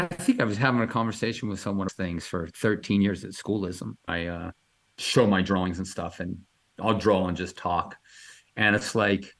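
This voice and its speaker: A man chats easily in an interview, eager and meandering. He stumbles, restarts and fills gaps with ums. His pitch swings widely as he gets excited, then drops back down. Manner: enthusiastic, rambling, many fillers and restarts. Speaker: illustrator guest answering questions. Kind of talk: casual interview chat.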